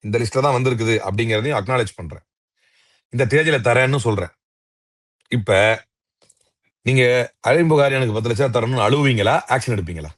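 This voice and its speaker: A man's voice: mid-range voice, a little fast, pauses often, no echo, clean studio sound. A man arguing politics in an interview, combative and mocking, firing off rhetorical questions. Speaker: interview guest, political commentator. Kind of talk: heated political argument.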